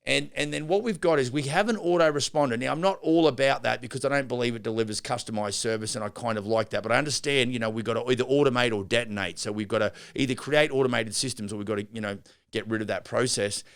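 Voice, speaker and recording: Fast and medium-pitched with vocal fry, this middle-aged builder's voice comes through clean as he hosts a business podcast. He improvises a rambling monologue full of restarts and fillers.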